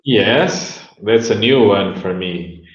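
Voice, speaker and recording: Man student, halting and deliberate, very slow, echoey dull-sounding recording. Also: on the low side, far from the mic. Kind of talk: practicing in class.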